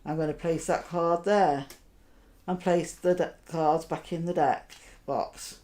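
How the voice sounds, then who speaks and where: Slow-paced woman doing card magician patter. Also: low-pitched, steady tone, mellow. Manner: deliberate, step-by-step, asking checking questions. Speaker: magician, host. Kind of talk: card magician patter, talking the audience through a trick.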